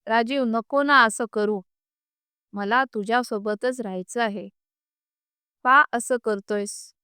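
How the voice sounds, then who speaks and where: Brief: woman narrator voicing a distraught, emotional young wife in a storybook, higher voice. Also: slow, sharp tone, smooth, dry recording, clean studio sound. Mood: pleading.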